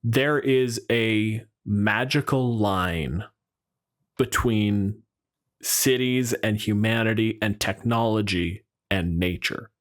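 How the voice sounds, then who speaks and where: This podcast co-host has a lowish voice and talks slowly. In a relaxed conversation about monsters from tabletop games, he debates back and forth, hedging his claims with qualifications.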